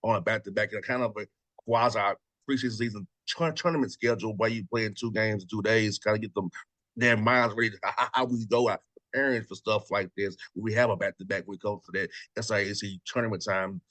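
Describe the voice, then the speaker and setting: A man's voice: fairly low pitch, fairly even intonation, fast talker, fairly bright tone, no room sound. A man hosting a show, interviewing casually and saying "man" and "bro" a lot. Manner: casual, friendly, says "man" and "bro" often. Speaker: show host. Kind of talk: radio interview.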